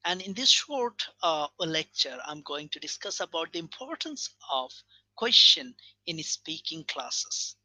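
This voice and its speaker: Male lecturer from Bangladesh, earnest explainer, lively melodic delivery. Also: fairly high pitch, unhurried, no room sound, poor audio. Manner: earnest, explanatory, checks in with listeners. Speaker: English teaching lecturer. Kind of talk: video lecture.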